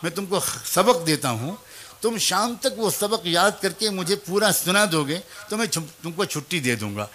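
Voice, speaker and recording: A man in a sermon voicing a kind, gentle old religious teacher who speaks fatherly to a boy. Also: high voice, lively intonation, a little hiss or hum.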